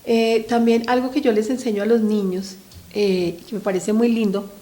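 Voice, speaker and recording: Speaking at a moderate pace in a mellow, fairly high voice with fairly even intonation, a middle-aged woman earnestly addresses parents about kids' feelings. As a family mental health speaker, she talks to them directly and keeps checking in with brief tag questions.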